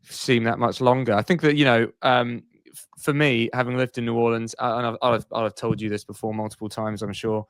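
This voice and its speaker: A man in his thirties talks sport as a podcast guest, eager and emphatic. His voice is smooth and resonant, mid-pitched. The sound is close and dry. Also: flat delivery, brisk, no echo. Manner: enthusiastic, emphatic. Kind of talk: casual podcast chat.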